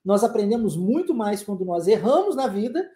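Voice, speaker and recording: This English teacher's voice sits high, with a dark tone, and he is very animated and a little fast, in reverberant surroundings. With a Southeastern Brazilian accent, he teaches an online language lesson playfully, making sound effects for pronunciation.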